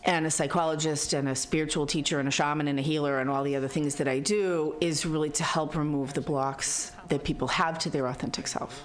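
A woman in her fifties speaks in a low voice with a Boston accent. She talks in a conversational, reflective way, candid and earnest, with a blunt streak. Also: steady tone, fast talker, hardly any pauses. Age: 50s. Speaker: interview guest, psychologist and spiritual teacher. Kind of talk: conversational, reflective interview talk.

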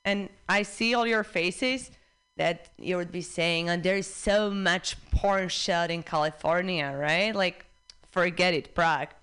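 A young woman from the Czech Republic with a Czech accent, doing a stand-up set at a comedy club in a dry, deadpan way. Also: lowish voice, takes it slowly, smooth.

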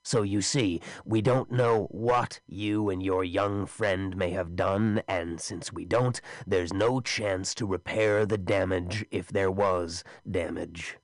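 A man voicing a menacing inhuman creature in a yellow coat, with a buzzing voice and slow, cold, measured speech. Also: sits low, fairly even intonation, dry recording. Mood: cold menace.

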